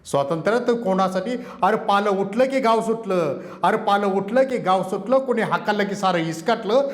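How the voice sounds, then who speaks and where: A man's voice: high voice, reverberant. A man reciting a dramatic poem with fierce passion, repeating lines for emphasis. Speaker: poet.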